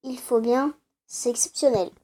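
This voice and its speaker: High-voiced woman chatting over a game. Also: a little slow, noisy background. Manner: chatty, teasing asides to viewers. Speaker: let's play gamer. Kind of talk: casual game commentary.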